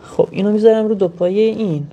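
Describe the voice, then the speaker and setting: A woman's voice: medium pitch, muffled recording, a little hiss or hum. A woman walks through a practical repair tutorial one step at a time. She speaks plainly, stopping now and then to think aloud mid-sentence. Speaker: technician demonstrating sensor tests. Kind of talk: hands-on technical tutorial.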